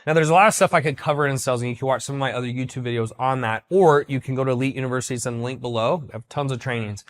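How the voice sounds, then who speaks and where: A man's voice: medium pitch, rapid-fire. Direct man coaching on sales. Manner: direct, persuasive, checks in with "right?". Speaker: business coach. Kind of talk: casual video teaching.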